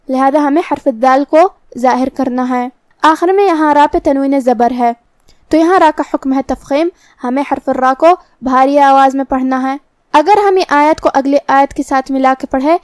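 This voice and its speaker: High-voiced woman teaching Quran recitation. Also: darkish tone, dry recording, clean studio sound. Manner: explains each letter rule methodically, then recites words slowly. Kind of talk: tajweed lesson with slow recited examples.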